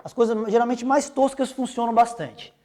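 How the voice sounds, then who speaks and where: A man's voice: very high voice, flat delivery, normal speed, mellow. A young man with a Brazilian accent teaching an online exam-prep biology lesson in a casual, slangy, joking way. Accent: Brazilian Portuguese.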